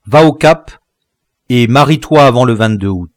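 A man's voice: mid-range voice, lively intonation, normal speed, no echo, studio quality, natural voice. A man reading the part of a grave, fierce enslaved man in an audiobook, speaking in a solemn, urgent tone.

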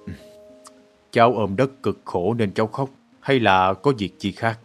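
A man's voice: on the low side, soft background music. A man playing a fatherly old landowner. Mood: gentle. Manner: measured, fatherly questioning. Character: wealthy older landowner, gently questioning.

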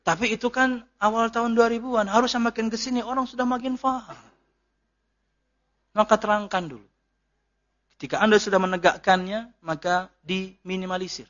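A male preacher talks in a loose, joking lecture style and laughs at his own jokes. His voice sits high and bright. The recording sounds dull and lo-fi. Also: normal speed. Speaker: ustadz, Islamic preacher. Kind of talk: casual religious lecture with Q&A.

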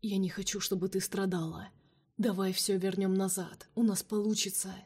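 A woman voicing a cunning male vampire king held captive, speaking softly and coaxingly in a storybook reading. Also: mid-range voice, steady tone, normal speed, slightly rough. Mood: seductive. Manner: soft, velvety, coaxing.

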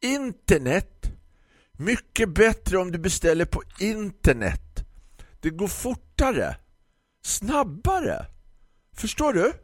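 A man's voice: sits high, sing-song, pauses often, no echo, studio quality, pitched above the performer's own voice. A man voicing a grumpy middle-aged woman florist who snaps and huffs impatiently. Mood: curt, impatient. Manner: snappish, huffing and impatient.

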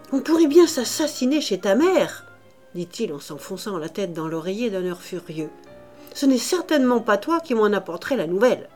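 A woman narrating a classic novel as an audiobook reader, measured and expressive. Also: medium pitch.

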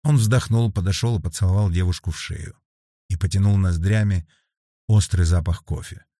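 Deep, dark-voiced male narrator. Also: no room sound, studio quality. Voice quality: slow, measured, pausing reading. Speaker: audiobook narrator. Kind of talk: scripted audiobook narration.

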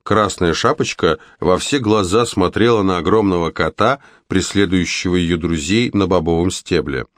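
A man narrating a children's fantasy audiobook in a lively storytelling manner. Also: low voice, moderate pace, hardly any pauses, no echo, clean studio sound.

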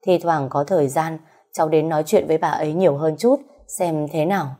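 A woman voicing a calm, grave older male doctor who speaks slowly and carefully. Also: sits low. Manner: slow, measured.

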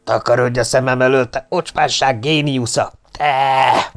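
A coarse, bullying legion sergeant from an audiobook , voiced by a male reader, blustering and hurling insults in a rough manner. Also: medium pitch, fairly even intonation, voice pushed up, natural voice. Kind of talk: audiobook character voice.

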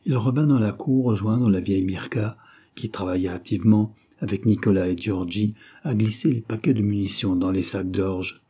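A man reading a novel aloud in a measured, dramatic narration. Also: fairly low pitch, warm tone, slightly rough. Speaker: audiobook narrator. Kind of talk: scripted narration.

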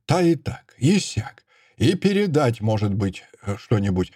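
A man reading an audiobook voices a seventy-year-old mischievous drunk carpenter with a creaky, querulous, nagging voice. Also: medium pitch, sing-song, unhurried, dark tone, no room sound, studio quality. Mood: pleased gossip. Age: 70s. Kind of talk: audiobook character voice.

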